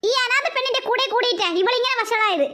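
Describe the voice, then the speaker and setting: A woman's voice: very high-pitched, fast, very noisy. A woman voicing a spiteful, accusing aunt in a cartoon, speaking harshly. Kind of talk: cartoon voice acting.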